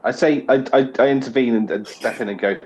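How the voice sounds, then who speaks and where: A man's voice: mid-range voice, brisk, a little mellow, a little hiss or hum. A man, a player speaking as his squire character in a mock-formal, earnest way. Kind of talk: casual in-character game play.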